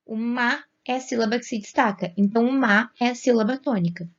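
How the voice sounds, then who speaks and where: A woman teacher with a Brazilian Portuguese accent patiently explains a grammar lesson in class, drawing out her example words. Her voice is on the high side and fairly quick, and the sound is lo-fi.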